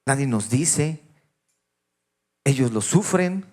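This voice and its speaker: A man, preaching a sermon and telling personal stories, often dropping to a hush and then rising again. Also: mid-range voice, animated, slow. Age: 50s. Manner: personal confessional storytelling, shifting between hushed and raised voice. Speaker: pastor.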